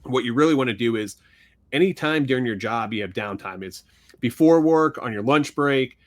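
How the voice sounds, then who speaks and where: A man with a Philadelphia accent co-hosting a relaxed podcast chat. His voice sits at an ordinary middle pitch. He rambles, restarts his sentences and laughs along as he talks. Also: normal speed. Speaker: podcast co-host. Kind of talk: casual chat.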